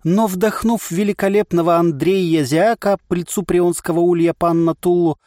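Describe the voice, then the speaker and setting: A man puts on a bright, unhinged male voice that lives inside someone's head. It chatters cheerfully and reads adverts with relish, pitched a little higher than an ordinary speaking voice. The audiobook recording is dry and close. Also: fairly even intonation, moderate pace, no room sound, lightly acted. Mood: reciting ad. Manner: chirpy, recites adverts with glee.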